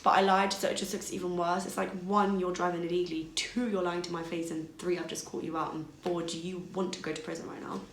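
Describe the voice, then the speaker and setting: A woman's voice: fairly low pitch, flat delivery, fast, few pauses, a little hiss or hum. A young British woman telling a personal story in a casual, chatty way, full of fillers. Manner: chatty, filler-heavy, acts out quoted dialogue. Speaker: vlogger. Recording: echoey room.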